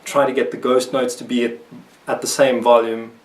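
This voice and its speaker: A man's voice: medium pitch, flat delivery, normal speed, recorded from a distance. Methodical male guitar teacher, roomy sound. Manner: patient, methodical explaining with counted demonstrations. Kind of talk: instructional video lesson. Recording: roomy sound, voice a bit off-mic. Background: guitar playing.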